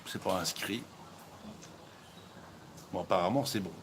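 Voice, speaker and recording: A man's voice: sits low, a little slow. A man hosting a cooking live stream, chatting casually and joking with viewers, full of fillers and restarts, over a phone mic. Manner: jokey, rambling, with many fillers and restarts. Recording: noisy background ambience.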